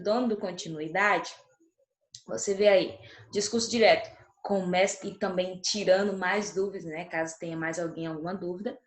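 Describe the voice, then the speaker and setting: A woman teacher explaining a grammar lesson patiently, with many tag questions to her students. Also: medium pitch. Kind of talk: online class explanation. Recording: echoey room.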